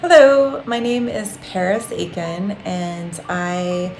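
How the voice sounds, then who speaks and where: A woman with a lowish voice speaks earnestly about her reasons for moving abroad, often pausing on an um. The room rings with echo. Soft music plays behind her. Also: steady tone. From United States. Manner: earnest, frequent ums. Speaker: interviewee. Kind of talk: casual personal account. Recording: echoey room.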